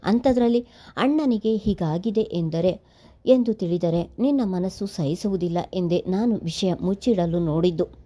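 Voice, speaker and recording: A woman voicing an earnest young man who gently reassures his mother in a storybook reading. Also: lowish voice, moderate pace, natural voice. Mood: reassuring.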